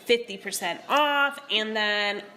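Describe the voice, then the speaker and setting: A woman's voice: mid-range voice, slow, very noisy. A young woman co-hosting a podcast in casual chat, rambling with lots of fillers. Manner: chatty, rambling, full of fillers. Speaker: podcast co-host.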